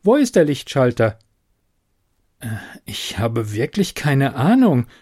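A man voicing Loreen, a skeptical, sharp-tongued young girl, in a raised, higher voice. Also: sing-song, takes it slowly, breathy edge, heavily acted.

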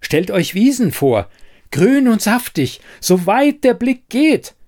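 A man voicing an excitable young village man who insists, eagerly and breathlessly, on what he has seen. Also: sits high, slow pace, pitched above the performer's own voice, heavily acted. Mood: rapturous.

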